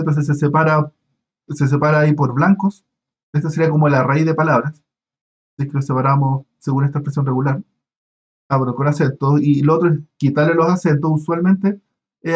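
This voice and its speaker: Halting lecturer on a lo-fi call. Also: male voice, on the high side, darkish tone. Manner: halting, many restarts and fillers, asks students questions. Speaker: university lecturer. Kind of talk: online class lecture.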